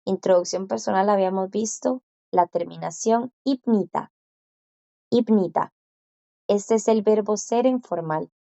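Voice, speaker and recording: A woman teaching a class, explaining patiently and repeating words slowly for her students to copy. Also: medium pitch, gravelly, mellow, no echo, lo-fi sound. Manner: slow, careful pronunciation drills with repetition. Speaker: Korean language teacher.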